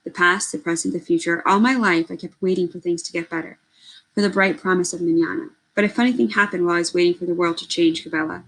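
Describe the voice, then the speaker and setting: A woman reading aloud, voicing an old grandfather who shouts a loving, resolute farewell over the waves. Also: fairly low pitch, steady tone, quick pace, rough recording. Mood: calm resolve.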